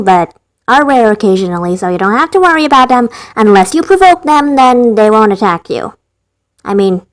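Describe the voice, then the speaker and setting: A woman narrating a ranking of game creatures, with wry, rambling asides in a voice she herself calls tired and dead. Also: sits high. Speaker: gaming video narrator. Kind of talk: scripted game ranking commentary.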